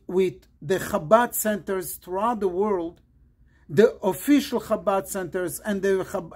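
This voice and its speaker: A man from Morocco, a rabbi, giving an earnest pre-Shabbat sermon in short, measured phrases. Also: high-pitched, a little mellow, breathy edge.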